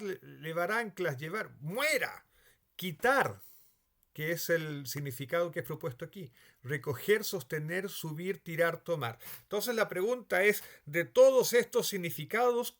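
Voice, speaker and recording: A man's voice: fairly high pitch, a bit bright. A man explaining a Bible passage in a screen-share lesson, thinking aloud with frequent fillers. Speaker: Bible study teacher.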